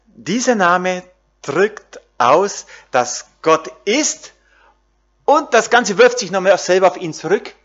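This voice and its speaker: A man's voice: sits high, animated, takes it slowly, fairly bright tone, highs cut off. A man preaching a sermon, addressing the congregation directly with frequent fillers and tag questions.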